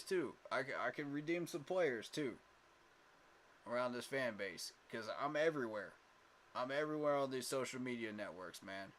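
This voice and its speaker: Hosting a laid-back fan livestream, a man speaks at medium pitch with a somewhat bright voice over a little hiss or hum. He's running on little sleep, yet his talk is emphatic and packed with fillers and repetition.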